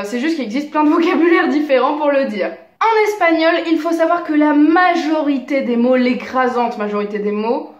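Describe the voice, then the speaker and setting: A woman teaching a language lesson, explaining grammar rules with enthusiasm and slowing down to spell out example words. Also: high voice, roomy sound.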